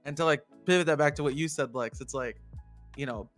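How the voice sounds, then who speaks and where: A man's voice: fairly high pitch, fairly quick, fairly bright tone, soft background music. A male stream host in casual gaming chat, laughing often and swearing offhandedly.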